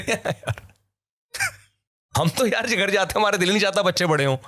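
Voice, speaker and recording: A man from Pakistan, a vlogger, talking in a casual discussion as an animated, emphatic storyteller who laughs often. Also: high voice, moderate pace, a little hiss or hum.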